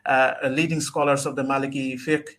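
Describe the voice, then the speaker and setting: A man from Bangladesh, speaking as an interview guest, earnest and often pausing to search for words. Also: mid-range voice, little pitch movement, fairly bright tone. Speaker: guest, religious scholar. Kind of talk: live online interview.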